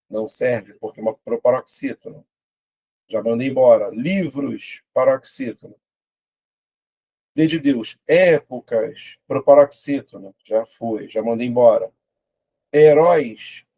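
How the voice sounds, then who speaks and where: A man teaching a casual online Portuguese lesson, chatty and colloquial, working through examples step by step out loud. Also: medium pitch, husky.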